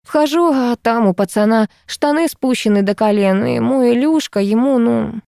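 A woman reading the part of a tired middle-aged mother who sounds cracked and blunt. The tone is mellow and dark, and the sound is dry and close. She states things without fuss, as in a storybook. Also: on the high side, moderate pace, creaky, no echo, voice pushed up. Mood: weary. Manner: flat, cracked, matter-of-fact.

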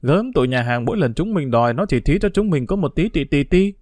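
A man reading a storybook aloud and voicing a cheeky, excitable street boy in a raised, exclaiming voice. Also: a little fast, no echo, studio quality, lightly acted. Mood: delighted. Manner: exclaiming, brash, high-pitched.

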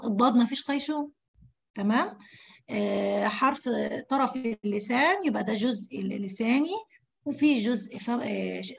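A woman with an Egyptian accent teaching Quran recitation, who speaks straight to her female students and repeats syllables to show how each sound is made. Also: fairly high pitch. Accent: Egyptian Arabic. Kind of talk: tajweed lesson explaining letter articulation.

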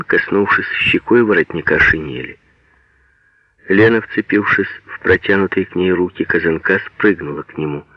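Man reading a novel aloud, lowish voice, steady even reading, dry dull lo-fi sound. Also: no room sound. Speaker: audiobook narrator. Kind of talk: literary audiobook narration.

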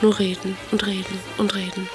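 In a radio drama reading of letters, an actress voices a passionate aristocratic woman writer in love, speaking intimately and often in a half-whisper over music. Her medium-pitched voice has little pitch movement, moves fairly quickly, and feels lightly acted and musing.

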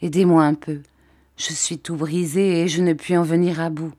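Audiobook: distraught old fisherman uncle, insistent, read by a woman; mellow, dry sound. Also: sits low, flat delivery, moderate pace, no room sound. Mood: impatient. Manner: impatient, insistent. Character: grief-stricken fisherman uncle, stubborn and wild.

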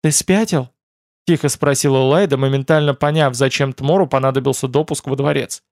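Male narrator, middle pitch, steady read, dry close mic. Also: brisk, no echo. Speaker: audiobook narrator. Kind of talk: scripted narration.

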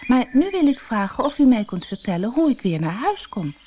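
A woman's voice: a little high, very animated, a little fast, warm tone, slight background noise, voice pushed up. A woman doing a stammering startled little girl. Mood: polite.

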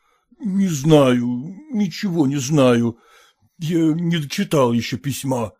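Storybook: a man doing a broken, tearful old gentleman, slow and faint. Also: on the high side, husky. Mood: shaken. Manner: moaning, pleading, weak. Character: distraught older nobleman, weeping and faint.

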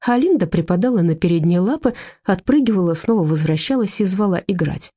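A woman narrating an audiobook in an expressive, animated storytelling manner. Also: lowish voice, a little fast, husky, no room sound, studio quality. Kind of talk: scripted narration.

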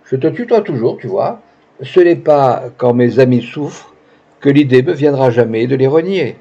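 A man's voice: medium pitch, lively intonation, normal speed, dark tone. A man reading the lines of a young actress with pompous, gushing phrasing, in a dull lo-fi recording. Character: young woman, pretentious theatrical actress.

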